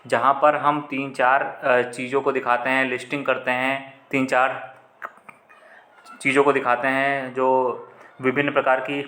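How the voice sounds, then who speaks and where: A man's voice: mid-range voice, flat delivery, a little slow, sharp tone. A man teaches exam vocabulary, explaining step by step and repeating terms, with frequent fillers and restarts. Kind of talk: Hindi lesson explaining English vocabulary questions. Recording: roomy echo.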